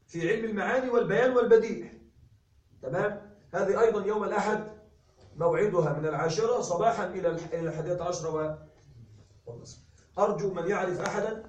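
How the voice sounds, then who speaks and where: A man teaching grammar in a classroom lecture, slowing down to stress examples and often asking if students follow. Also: high-pitched, a little mellow. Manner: slow emphatic dictation of examples, checking understanding. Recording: echoey room recorded from a distance.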